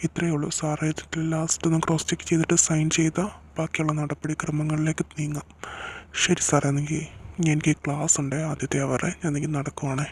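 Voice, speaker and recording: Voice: medium pitch, flat delivery, a little fast, slight background noise. A speaker acting out dialogue in an audio drama story, in a casual, conversational way. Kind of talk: acted dialogue in a fan-fiction audio story.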